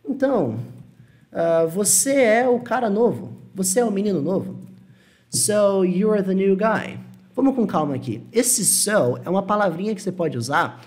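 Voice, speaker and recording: Animated Brazilian man teaching English. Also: high-pitched. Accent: Brazilian Portuguese. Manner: explains patiently, slows down to model English phrases. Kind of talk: online language lesson.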